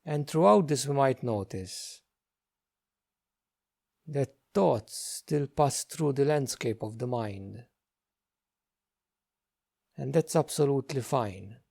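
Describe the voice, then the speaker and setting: A man teaches a guided meditation in a mid-range, creaky voice that stays animated. Still, his delivery is gentle, with short, slow phrases and plenty of pauses.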